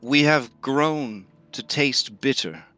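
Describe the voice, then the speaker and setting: Man voicing a slow, mournful talking tree. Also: mid-range voice, pushed and bright, soft background music, pitched above the performer's own voice. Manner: slow, drawn-out, solemn talking-tree delivery.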